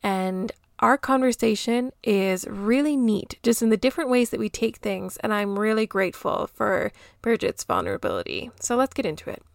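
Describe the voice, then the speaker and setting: A woman's voice: mid-range voice, sing-song, normal speed, creaky, hardly any pauses. A woman hosting a podcast interview, talking in an upbeat, earnest way. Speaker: podcast host.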